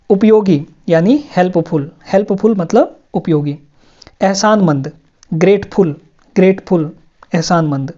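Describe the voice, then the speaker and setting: A woman's voice: on the low side, dark tone, lo-fi sound. A woman teaching English vocabulary to students, explaining word meanings patiently and repeating each word with frequent check-ins.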